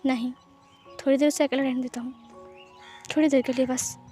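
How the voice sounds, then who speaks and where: A soft-hearted young man, nervous and stumbling over his words as he tries to calm someone down, with a woman reading his part. The voice is high and light, soothing and pleading in a storybook telling. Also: a little fast, soft background music, lightly acted. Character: gentle, anxious young male writer pleading. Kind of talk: storytelling voice acting.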